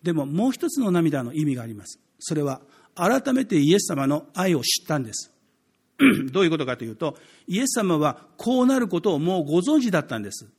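A male pastor gives a chatty sermon in a slightly raised, husky voice. He turns to his listeners with questions. He slips into the voices of the people he quotes. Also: on the high side, brisk. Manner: conversational, asks the congregation questions; acts out quoted speech in lively voices.

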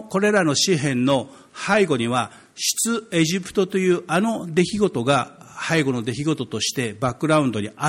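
A male pastor giving a conversational sermon, light and joking, with many hesitant fillers between phrases. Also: on the high side.

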